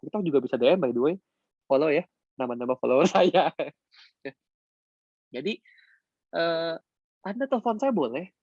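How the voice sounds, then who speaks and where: A man giving a chatty, teasing motivational talk to his business team, jumping sharply up in pitch for emphasis. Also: expressive, normal speed, pauses often, darkish tone, no room sound, highs cut off. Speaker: business mentor addressing his downline.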